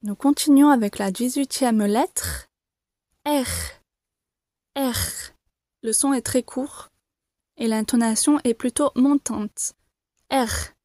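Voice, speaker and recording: Woman, language teacher, very slow deliberate delivery, dry close sound. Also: a little high, mellow, dry recording. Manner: patient, reassuring, repeats each letter clearly. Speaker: French teacher. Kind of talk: slow, careful pronunciation lesson.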